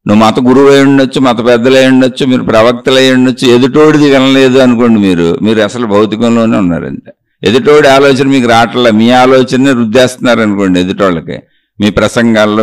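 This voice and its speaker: A man speaking at a middle pitch, giving a spiritual talk aimed straight at the listener. He asks pointed questions and tells a story, repeating phrases as he goes. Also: clean tone. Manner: addresses the listener directly with rhetorical questions.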